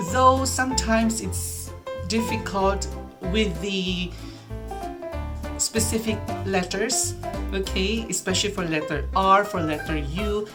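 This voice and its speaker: Filipino-accented woman, 30s, patient language teacher, unhurried delivery, music bed behind. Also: mid-range voice. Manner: slow, encouraging, repeats each word three times. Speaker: French teacher. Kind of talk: language lesson, repeat-after-me drills. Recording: background music.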